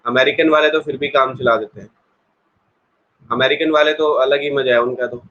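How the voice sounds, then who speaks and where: A man's voice: mid-range voice, steady tone, moderate pace, fairly bright tone, dull audio. A man teaching an online exam-prep English class in a chatty way, explaining with everyday examples and talking straight to his students.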